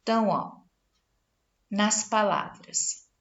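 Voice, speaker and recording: Slowly reading word lists aloud and checking in with her class, this Brazilian teacher speaks with a Brazilian Portuguese accent in a medium-pitched, slightly bright voice. The audio sounds dull.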